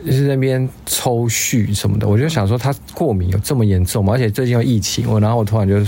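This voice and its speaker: A man's voice: mid-range voice, fast talker, mellow, breathy edge. A man, co-hosting a podcast and telling loose, rambling stories in casual chat. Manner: chatty storyteller, loose and rambling. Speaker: podcast co-host.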